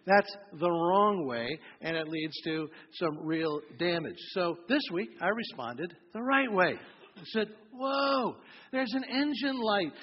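A man, a pastor, preaching a sermon in a conversational way and acting out short examples. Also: high voice. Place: church auditorium. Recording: dull sound in a large reverberant hall.

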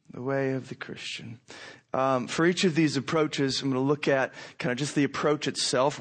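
Froggy, high-pitched man preaching. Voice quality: froggy, hoarse voice. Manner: conversational, repeats phrases for emphasis. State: hoarse from a cold, clearing throat. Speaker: pastor. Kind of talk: sermon, informal teaching with scripture reading.

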